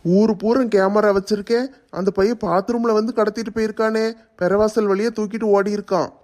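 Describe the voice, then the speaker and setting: A man acting in a homemade family skit, speaking in an insistent, flat way. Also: high-pitched, fairly quick.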